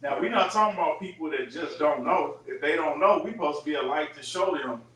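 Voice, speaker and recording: A high-voiced man leads a group Bible study, explaining points in an emphatic, chatty way and often checking that his listeners are following. His tone is brisk and fairly bright. He is recorded from a distance, sounding some way from the mic in a very echoey room.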